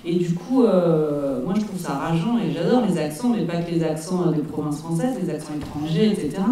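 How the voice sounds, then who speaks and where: A woman on a public panel about casting, talking in animated bursts with many restarts and fillers. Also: low-pitched, fairly quick. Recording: echoey hall, recorded from a distance.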